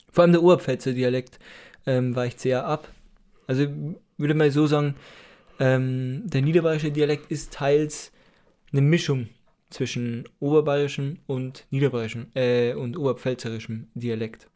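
A man's voice: medium pitch, fairly even intonation, a little slow, mellow. A man casually explaining things on a podcast, hesitant with many fillers and a teasing edge. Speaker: podcast co-host explaining dialects.

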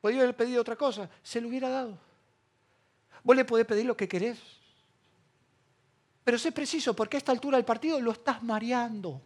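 A man with an Argentine accent preaching a sermon as pastor, swinging between loud passion and hushed quiet. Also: extremely high pitch, a little fast, long pauses. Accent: Argentine Spanish.

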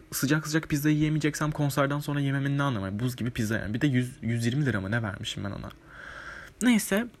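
A man telling a casual, rambling storytime monologue, chatty with lots of fillers and offhand swearing. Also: fairly high pitch. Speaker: vlogger.

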